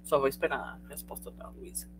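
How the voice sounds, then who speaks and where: A faint hum runs beneath a Brazilian-accented teacher's relaxed, medium-pitched voice as they deliver a fairly quick live online sociology lecture. They pose rhetorical questions and check whether the students are following.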